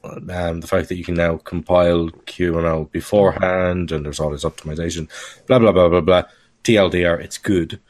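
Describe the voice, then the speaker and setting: Lower-voiced joking man developer. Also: little pitch movement, fairly quick. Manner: candid, joking, laughs often. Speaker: guest software developer. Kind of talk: casual podcast chat.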